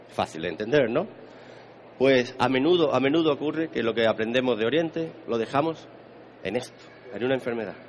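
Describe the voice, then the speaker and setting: A man's voice: mid-range voice, a little hiss or hum. Chatty Spanish man giving a lecture. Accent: Spain Spanish. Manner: conversational, often repeats words and checks understanding. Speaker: teacher of Eastern arts. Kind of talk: lecture to a live audience.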